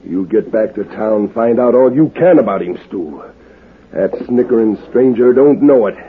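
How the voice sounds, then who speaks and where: An actor playing a touchy, menacing outlaw gang leader, in 1940s radio acting. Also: male voice, on the low side, lively intonation, moderate pace, slight background noise, natural voice. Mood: angry threat. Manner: angry, threatening. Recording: tinny old radio broadcast.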